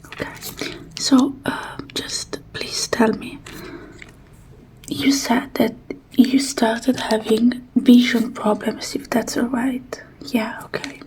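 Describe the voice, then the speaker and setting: Here a woman whispers as a technician for ASMR, soft and breathy, taking her time and sounding gentle and reassuring. Her pitch is fairly high and stays mostly flat, and the audio quality is poor.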